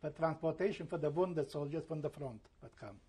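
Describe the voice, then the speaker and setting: A man in his seventies giving oral history testimony in halting, broken English, pausing to search for words and slipping into German and Hebrew. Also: fairly high pitch, warm tone, slightly rough. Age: 70s. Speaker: Holocaust survivor giving testimony.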